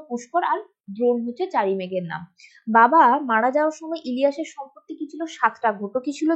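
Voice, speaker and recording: High-voiced Bengali woman teaching. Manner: explains step by step, often checking with "ঠিক আছে?" and "বোঝা গেল?". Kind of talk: exam answer walkthrough lesson. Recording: dull lo-fi recording.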